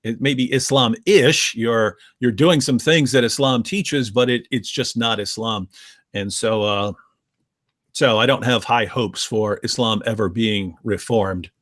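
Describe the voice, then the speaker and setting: A man speaking as a guest on a live-stream discussion, emphatic and argumentative with quick asides. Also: medium pitch, fairly bright tone, no echo, clean studio sound.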